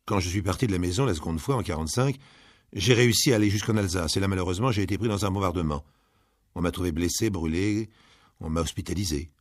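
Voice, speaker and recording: A man reading out a letter as an apologetic, earnest young son, steady and plain, in a dramatic audiobook reading. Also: sits low, quick pace, no echo, clean studio sound.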